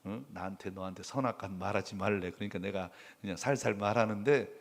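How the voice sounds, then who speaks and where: A pastor doing a cowed, grumbling greedy uncle. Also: male voice, on the low side, a little fast, vocal fry, in a large hall, voice pushed down. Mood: sulky. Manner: sulky, mumbling warning.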